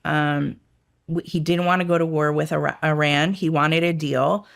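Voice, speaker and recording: This interview features a middle-aged woman who once worked as an intelligence analyst, talking at normal speed in a low-pitched, steady voice with vocal fry. Her casual speech has many fillers and restarts; she grew up around Washington DC in the United States, and Italian is her first language.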